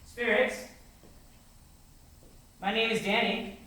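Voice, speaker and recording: A man's voice: sits high, steady tone, slow, pushed and bright, a little hiss or hum. A man in his twenties, host and lead investigator, narrating a ghost hunt and earnestly addressing spirits. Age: 20s. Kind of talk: ghost-hunting narration and group briefing.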